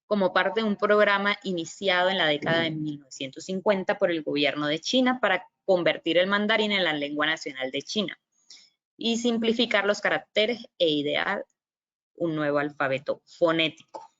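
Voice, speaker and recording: A woman with a lowish, fairly bright voice speaks at a normal pace while giving a virtual lecture on Mandarin basics. She explains patiently, uses lots of fillers, and models the tones by sounding out example syllables. Her computer microphone on the video call yields slightly dull, lo-fi audio.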